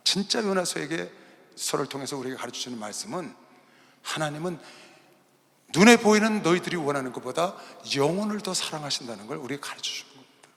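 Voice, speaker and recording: Brief: male pastor, fiery sermon delivery, bright sharp tone, long arena reverb. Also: fairly high pitch, gravelly. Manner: dramatic, swinging between loud bursts and quiet asides. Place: large arena hall.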